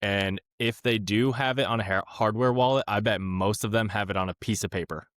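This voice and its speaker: A man speaking as a guest on a podcast, talking in a relaxed, earnest way. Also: fairly low pitch, brisk, no echo, clean studio sound. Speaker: podcast guest, product founder. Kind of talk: casual podcast conversation.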